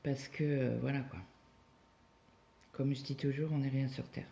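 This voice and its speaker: A woman's voice: very deep voice, little pitch movement, a little slow, creaky, dark tone. A woman in her fifties chatting casually as she cross-stitches, telling stories with lots of hesitations and tag words, recorded on a phone. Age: 50s. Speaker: craft vlogger.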